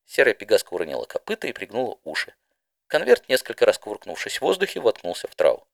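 A man narrating a fan audiobook in an expressive storytelling manner. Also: fairly low pitch, fast, vocal fry, dry recording, studio quality.

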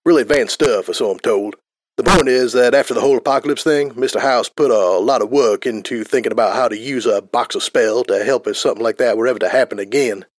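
A man's voice: mid-range voice, quick pace, no echo, lightly acted. A man voicing a chatty male pony soldier captain who explains things in an offhand, rambling way.

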